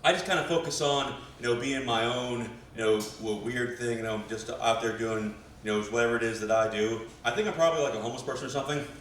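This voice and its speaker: Performing open-mic stand-up in a small comedy club, this American with West Virginia family roots speaks quickly at medium pitch, with few pauses and a slightly bright tone. He hesitates and rambles through trailing asides; the echoey room, distant mic and faint noise shape the sound.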